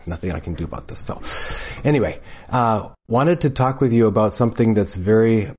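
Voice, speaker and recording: A man hosts an interview in a low voice with a frog in his throat. He sounds like he is getting over a cold. The audio is slightly dull and lo-fi. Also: expressive, a little fast, darkish tone. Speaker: interview host. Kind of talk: interview hosting.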